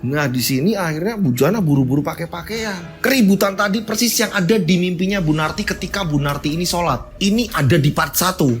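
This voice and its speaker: A man's voice: high voice, brisk, hardly any pauses. A man narrates a horror tale in a loose, conversational manner. He circles back and repeats points as he goes. Faint music plays underneath. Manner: conversational, repetitive. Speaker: horror storyteller. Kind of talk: casual spoken horror storytelling.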